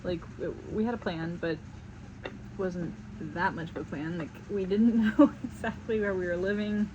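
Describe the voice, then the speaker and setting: A woman's voice: on the low side, fairly even intonation, normal speed, dull audio. A young woman vlogger chatting casually while she paints, rambling and upbeat with lots of fillers. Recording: noticeable background noise.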